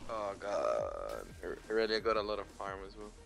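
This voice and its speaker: A man gaming with his team, excitable and swearing often as the match swings. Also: on the low side, moderate pace, gravelly, over music. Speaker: gamer in voice chat. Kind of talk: casual team chat while gaming.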